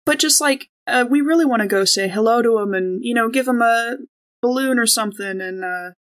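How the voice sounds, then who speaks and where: Her voice sits on the high side, a bit bright, and she talks briskly. This woman is in the middle of a tabletop role-playing game, improvising out loud in a relaxed, chatty way.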